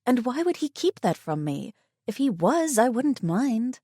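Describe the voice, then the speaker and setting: A woman narrating a romance audiobook in the first person, with steady, measured storytelling. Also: on the high side, slightly rough, dry recording, clean studio sound.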